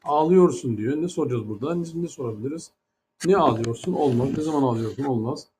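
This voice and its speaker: A man's voice: mid-range voice, fast, a little mellow, a little hiss or hum. A man teaching an English grammar lesson in Turkish, with a Turkish accent in English. He explains patiently, step by step, and asks many rhetorical questions.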